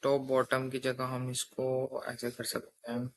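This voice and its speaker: A man's voice: medium pitch, completely flat delivery, a little slow, a little hiss or hum. A young man teaching a coding lesson in a casual spoken style, walking through each step and often checking in with his listeners. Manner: explains step by step, often checks with "theek hai".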